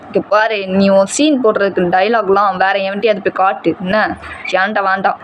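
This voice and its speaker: A woman's voice: mid-range voice, steady tone, a little fast, highs cut off, slight background noise, close to an everyday voice. A woman playing a furious short-tempered young man. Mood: angry. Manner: shouting, scolding, harsh.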